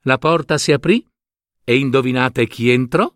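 A man reading a children's story aloud with expressive, dramatic storytelling. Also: mid-range voice, moderate pace, dry recording, studio quality. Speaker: narrator.

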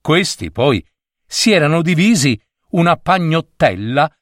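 A man reading a children's story aloud in an expressive way, changing voices for the characters. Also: fairly high pitch, unhurried, dry recording, clean studio sound. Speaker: narrator.

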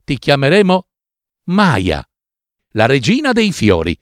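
A man's voice: medium pitch, huge pitch swings, slow. A man as a tiny flower spirit prince. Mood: solemn naming.

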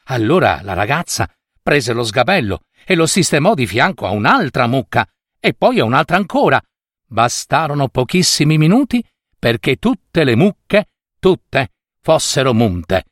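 A man narrates a fairy tale with an expressive, animated storytelling cadence. His pitch moves widely through each phrase. The recording is close and completely dry. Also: a little slow, no room sound.

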